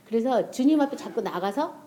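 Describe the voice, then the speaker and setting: A woman's voice: a little high, expressive, fairly quick, mellow, a little hiss or hum. A woman preacher giving a casual, conversational sermon and acting out prayers and inner voices.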